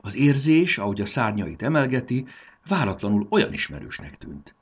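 A man narrating a children's storybook in a lively, expressive reading. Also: medium pitch, slightly rough.

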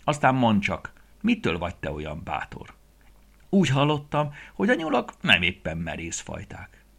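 A man's voice: on the low side, wildly swooping pitch, creaky, a bit bright, breathy edge, exaggerated voice. A man voicing a sly, clever male fox in a children's story, speaking in a mocking way.

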